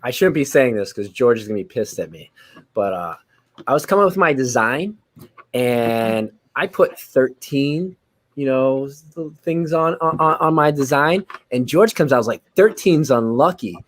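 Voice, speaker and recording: A man's voice: medium pitch, lively intonation, moderate pace, lightly acted. A man playing a rambling, boastful founding father. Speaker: bachelor contestant. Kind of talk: improv game-show comedy.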